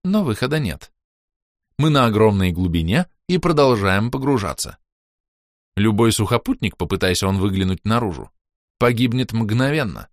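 A man's voice: fairly low pitch, animated, moderate pace, no echo, studio quality. A man narrating a fantasy audiobook in the first person, reading expressively.

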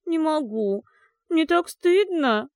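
A weepy, easily flustered young werewolf girl from an audiobook, as a woman narrator puts her on, her voice high and gurgling with held-back sobs. She whines and swoops up and down in lively, overwrought bursts. The sound is close and dry. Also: slow pace, no room sound, full character voice. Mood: sobbing. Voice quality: tearful, gurgling voice. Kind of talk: audiobook character voice.

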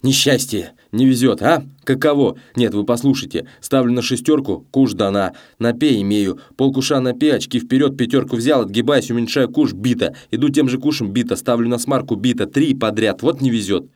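A man's voice: mid-range voice, moderate pace, few pauses, darkish tone, pitched above the performer's own voice, lightly acted. A man voicing a boastful ruined gambler baron who rattles on pompously. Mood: excited.

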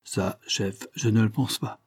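A man's voice: on the low side, fairly even intonation, a little slow, breathy edge, dry recording, studio quality. A man voicing a dogged male police inspector who gives matter-of-fact, precise reports.

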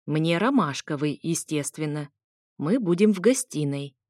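A woman voicing a haughty, imperious old grandmother in an audiobook, speaking slowly, coldly and commandingly. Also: deep voice, expressive, a little mellow, no echo, studio quality. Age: older. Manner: slow, cold and commanding.

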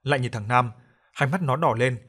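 Man, horror audiobook narration, husky breathy voice, dramatic delivery. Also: medium pitch, brisk, a bit bright. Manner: dramatic storytelling.

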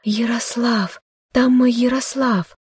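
Female reader doing the captive heroine, young and fiery, high and furious. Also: moderate pace, husky, dry recording, studio quality, close to an everyday voice. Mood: defiant. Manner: defiant, shouting.

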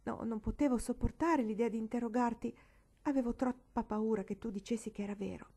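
A woman voicing a small, anxious, emotional girl in a storybook reading, speaking high and excited with tearful outbursts. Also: a little fast.

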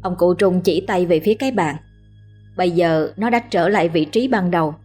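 A woman narrating a horror story in a slow, measured storytelling manner. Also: on the low side, darkish tone, faint music behind.

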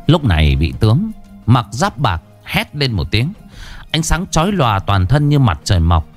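A man's voice: mid-range voice, huge pitch swings, moderate pace, soft background music. A man narrating a story in a vivid, dramatic way.

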